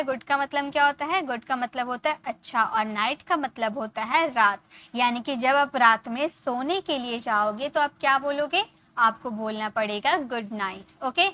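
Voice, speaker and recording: A woman's voice: sits high, bright, forceful tone. A woman teaching beginner English, patiently spelling out words, repeating pronunciations and quizzing the viewer. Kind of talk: spoken English lesson explained in Hindi.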